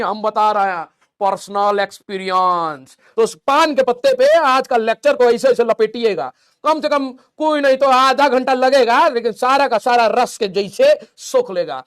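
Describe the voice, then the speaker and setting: A man's voice: very high-pitched, a bit bright, clear, resonant tone. Joking, teasing male physics teacher. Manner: joking, teasing, playful scolding. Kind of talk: comic classroom lecture.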